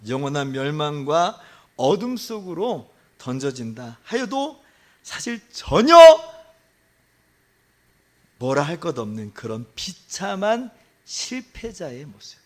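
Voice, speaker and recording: A middle-aged man preaching a sermon as pastor, with impassioned swings between loud outbursts and soft, low phrases, asking the congregation questions. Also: big pitch swings, takes it slowly. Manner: asks the congregation rhetorical questions.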